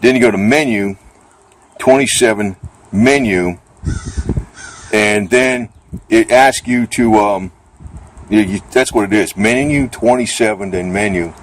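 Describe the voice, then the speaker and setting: A middle-aged or older man with a lowish voice, a vlogger showing off radio gear, talks slowly with long pauses. His demonstration is casual and off-the-cuff, rambling and plainspoken, colloquial, with a mild grumble.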